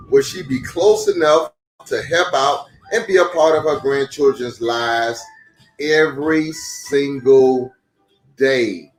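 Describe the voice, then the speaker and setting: A man who is a pastor hosts a children's storytime, reading a children's book aloud in an expressive, medium-pitched voice. He speaks directly to his young listeners, tossing in rhetorical questions and exclamations. The sound has a roomy echo with music underneath.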